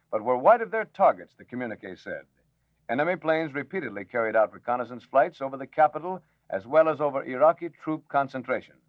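A man reading a formal radio news bulletin in a measured announcer manner, heard as an old newsreel-style broadcast. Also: mid-range voice, no echo. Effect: old newsreel-style broadcast sound. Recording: dull lo-fi old radio recording, dry.

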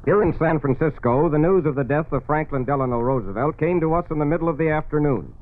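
Male commentator from an old 1940s radio broadcast, slightly high voice, narrow tinny sound, solemn and measured. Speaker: news commentator.

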